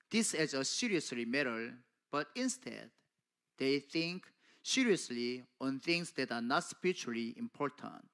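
A middle-aged man preaching at a pulpit in a small church, speaking into a handheld mic, slow and emphatic, calling out "Amen?" to the congregation. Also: fairly high pitch, fairly bright tone. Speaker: pastor delivering an English translation of a sermon. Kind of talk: sermon. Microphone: handheld microphone at a pulpit.

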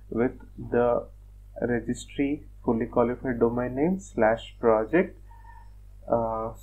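A man presenting a screen-recorded software tutorial, talking step by step in a plain, methodical way with frequent fillers like "uh" and "like". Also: mid-range voice, slightly rough, narrow, tinny audio. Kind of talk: screen-recorded technical walkthrough.

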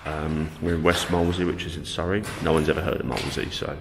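A man's voice: very deep voice, little pitch movement, fast talker, creaky. A man vlogging as he walks through an abandoned print works, chatting casually to his friend and swearing freely. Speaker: urban explorer vlogger. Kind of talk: casual walk-and-talk narration. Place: large empty abandoned print works indoors. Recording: echoey warehouse with background noise.

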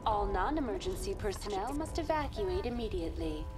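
A woman voicing a calm, formal female station AI, giving emergency evacuation orders over a public address loudspeaker in a video game. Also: medium pitch. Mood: urgent. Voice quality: measured, formal and impersonal. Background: game music.

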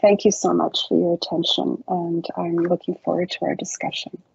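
A woman artist and researcher presenting her work and then discussing it on a video call, speaking in a measured, deliberate way. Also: lowish voice, little pitch movement, vocal fry, a little mellow, slightly rough, no echo. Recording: dull, dry video call audio.

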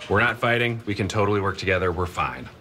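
A man's voice: low-pitched, expressive, fast, pushed and bright. An actor in his thirties playing a goofy, boyish police detective in a TV comedy, rambling playfully. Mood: teasing, nervous. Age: 30s.

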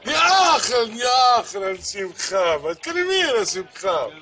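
An actor with a Greek accent playing a slow, courteous shopkeeper in a sketch. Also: male voice, very high-pitched, big pitch swings, pushed and bright, recorded from a distance, soft background music, heavily acted.

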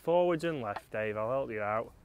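A man's voice: mid-range voice, animated, normal speed, a little hiss or hum. Yorkshire man calling golf shots outdoors. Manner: teasing, chatty play-by-play. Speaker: golf vlogger and host. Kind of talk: casual on-course commentary.

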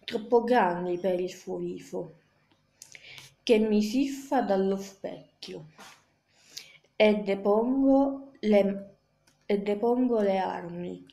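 A woman's voice: medium pitch, slow pace, vocal fry, pauses often, warm tone. A woman reading a first-person novel aloud, stumbling and restarting words often, in an echoey room. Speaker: amateur reader.

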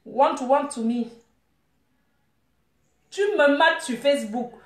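A woman's voice: sits high, takes it slowly, reverberant. A woman live streaming, reading out viewer comments and scolding her viewers in a rambling, teasing way. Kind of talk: casual live stream chat.

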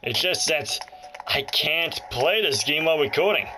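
On the high side and animated, the man's voice moves at a measured pace amid background noise. He's a gaming video host doing casual, joking let's play commentary, frequently muttering and exclaiming to himself, with loud handheld game music and sounds over him.

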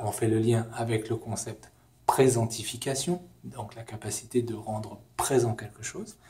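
A young man in his twenties explaining a theory in a casual lesson, lively and gesturing, with many fillers, filmed in an empty lecture hall. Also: mid-range voice. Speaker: educational video host.

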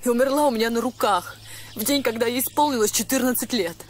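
A woman's voice: a little high, fast, a little hiss or hum, lightly acted. An actress in her twenties playing a proud, wounded junior lieutenant in a war film, intense in manner. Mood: pained, bitter. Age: 20s. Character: proud, wounded young woman junior lieutenant, trained saboteur. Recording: faint film music under the voice.

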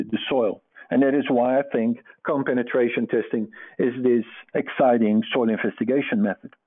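Dutch man lecturing over a tinny line. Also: mid-range voice. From Netherlands. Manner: earnest, explanatory, many fillers. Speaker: presenter. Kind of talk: webinar lecture over slides. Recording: tinny phone-like webinar audio.

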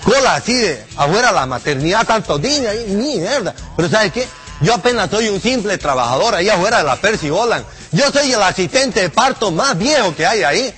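Male comedian as an old delivery-room hand, high and animated, crude and rambling, faint music under. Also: fairly quick. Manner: rambling, swears often, laughs at his own jokes. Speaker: comedian doing a character monologue. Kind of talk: comic character monologue to camera.

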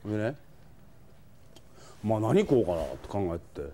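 A man's voice: on the low side, normal speed. A man with a Kansai accent telling funny stories as a comedian, acting out the scenes as he goes. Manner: animated, acts out scenes, chuckles through punchlines. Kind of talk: comic storytelling monologue.

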